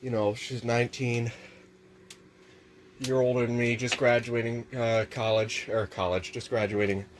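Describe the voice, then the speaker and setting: In a casual, rambling vlog monologue recorded at home by the kitchen microwave, a man with a nasal voice keeps restarting and swearing offhandedly. His pitch is medium and his tone level, he speaks a little slowly, and a faint hiss or hum is audible.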